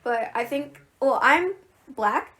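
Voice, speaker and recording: Teen girl podcast co-host, slightly high voice, chatty, giggly, filler-heavy. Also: animated, slow, bright, forceful tone. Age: teens. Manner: chatty, laughs often, many fillers. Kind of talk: casual podcast chat.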